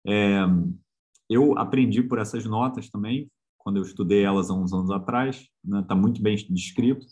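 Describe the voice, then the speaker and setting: A man with a Brazilian Portuguese accent giving an informal online physics lecture. He talks in a relaxed, conversational way, with frequent tag questions and hesitations. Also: lowish voice, normal speed.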